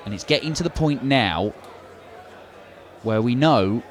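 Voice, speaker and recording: A man's voice: medium pitch, animated, a little slow. A man giving conversational live darts commentary, stacking short phrases for emphasis. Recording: crowd noise behind commentary. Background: darts crowd.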